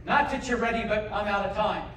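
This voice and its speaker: A man with a high-sitting, brisk voice does live comedy patter as a stage juggler, joking with audience volunteers and coaching them. He's in a large theater on a cruise ship, captured from far off with echo, audience sounds, and a noisy background.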